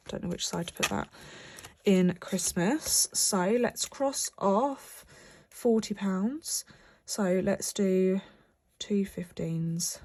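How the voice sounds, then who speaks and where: A young British woman with a mid-range, slightly mellow voice chats to camera while cash stuffing, sounding bunged up from a cold. She's a budgeting vlogger talking casually about her budget as she fills envelopes, rambling with lots of fillers and restarts. There's slight background noise.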